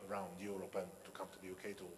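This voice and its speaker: A man's voice: deep voice, monotone, racing. A man in his thirties from Italy with an Italian accent, hesitantly asking a question from the floor. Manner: hesitant, with ums. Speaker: audience member asking a question. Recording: hall reverb with ambient noise.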